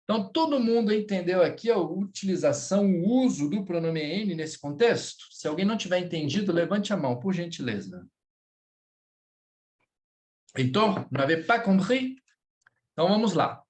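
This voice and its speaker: A man's voice: sits high, lively intonation, fairly quick, a little mellow. A Brazilian man teaching French in a live lesson, speaking Portuguese with a Brazilian accent, patiently repeating words and checking in with his students.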